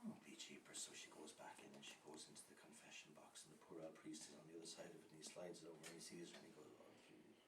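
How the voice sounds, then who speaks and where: A man telling a folk story to a live audience in a barn, dropping to hushed asides and building to punchlines. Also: a bass voice, monotone, rapid-fire, few pauses. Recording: echoey barn from far off with noise.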